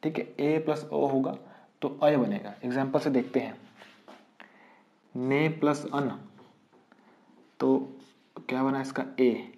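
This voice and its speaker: A man's voice: medium pitch, slow pace, pauses often, darkish tone, dull audio. A man teaching a grammar lesson for exam prep, asking the class questions and answering them himself. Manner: quizzes students, repeats rhetorical questions.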